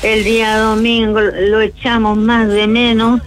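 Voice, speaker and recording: A woman's voice: a little high, level tone, unhurried. A cheerful, chatty woman from Chile with a Chilean accent, calling into a radio show by phone and laughing often. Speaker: caller. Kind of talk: phone-in chat. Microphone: phone call.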